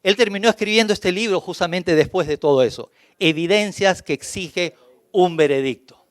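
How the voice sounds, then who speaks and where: A Peruvian man preaching a sermon in a fairly high voice. He speaks emphatically, building through long lists of phrases. The sound is close and dry, with hardly any room echo. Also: normal speed. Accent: Peruvian Spanish. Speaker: pastor. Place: church.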